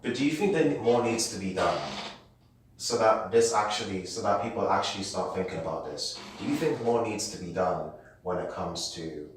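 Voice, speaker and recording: Deep-voiced British man, echoey distant mic. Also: a little hiss or hum. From Britain. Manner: probing, asks long rephrased questions. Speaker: podcast co-host. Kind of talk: casual debate.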